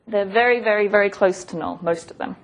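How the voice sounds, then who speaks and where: This noisy, click-filled recording captures a woman teaching physics in a fairly quick, mid-range voice. Her explanations are thoughtful and professorial, marked by hesitations and repeated phrases.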